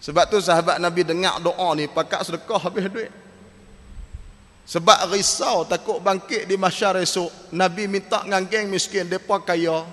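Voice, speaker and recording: A man's voice: on the high side, a bit bright. A man preaching a mosque sermon, telling stories and acting out the voices of the people in them. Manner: storytelling, acts out quoted voices. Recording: echoey mosque hall.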